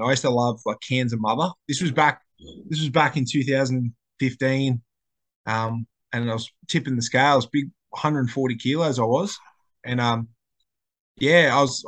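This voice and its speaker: Aussie guy on a podcast, medium pitch, tells stories, repeats himself for emphasis. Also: a bit bright. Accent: Australian. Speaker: podcast co-host. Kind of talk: casual chat, storytelling.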